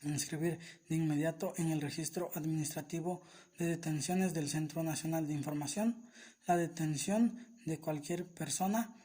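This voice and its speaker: A man reading aloud a summary of a law in a formal, steady, list-like way. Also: fairly high pitch, breathy edge. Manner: steady, even, list-like delivery. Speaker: reader of a legal summary. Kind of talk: formal reading of legal text.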